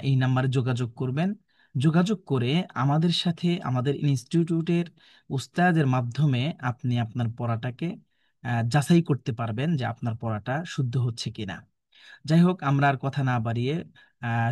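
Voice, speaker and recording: A man, teaching Quran recitation in a recorded online lesson, patiently repeating letter sounds slowly for learners to copy. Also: mid-range voice, a little mellow, dry recording.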